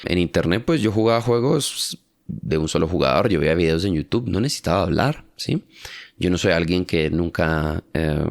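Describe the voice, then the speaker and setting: Low, gravelly Colombian guy. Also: expressive, normal speed, no echo, clean studio sound. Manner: rambling, self-correcting, tag questions. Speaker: language-learning YouTuber. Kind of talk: casual explanatory monologue.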